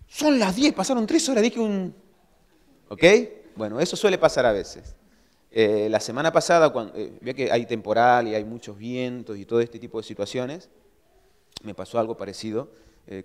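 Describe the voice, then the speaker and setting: A man preaching a sermon as pastor, telling stories in a lively way and acting out his own shouts. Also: mid-range voice. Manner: animated storytelling, acts out his own shouting. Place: church hall. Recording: long church hall reverb.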